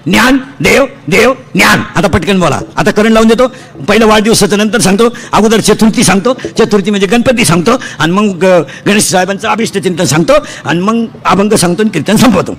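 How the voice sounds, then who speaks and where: A man preaching a comic devotional sermon on a pandal stage into a microphone. He declaims loudly and quizzes the crowd for quick answers. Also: high voice. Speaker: kirtan preacher.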